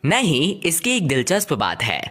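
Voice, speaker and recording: Woman voicing a frazzled, earnest cartoon astronaut, jumpy pitch. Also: huge pitch swings, measured pace, fairly bright tone, heavily acted. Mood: eager, explaining. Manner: flustered, earnest, explanatory. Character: frazzled male astronaut who talks to planets, earnest. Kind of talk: animated comedy dialogue dub. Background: faint background music.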